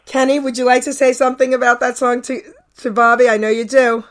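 A woman's voice: high voice, little pitch movement, fairly quick. A woman hosting a radio show, interviewing her guest in an effusive, gushing way. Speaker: radio host.

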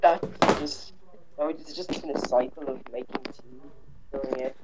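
Man answering through loud noise. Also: medium pitch, steady tone, measured pace. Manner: short offhand answers. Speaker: quiz contestant. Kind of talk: casual home video chat.

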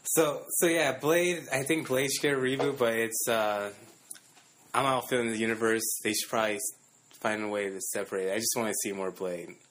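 A man's voice: mid-range voice, a little fast, a bit bright, a little hiss or hum. A man talking casually about movies in a laid-back, hesitant way. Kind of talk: casual chat.

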